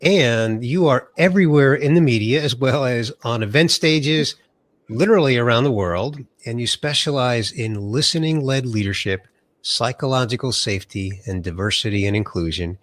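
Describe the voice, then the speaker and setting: A middle-aged American man hosts an interview podcast, his mid-range voice moving at a normal speed. He sounds nasal from a cold as he introduces his guest with enthusiasm.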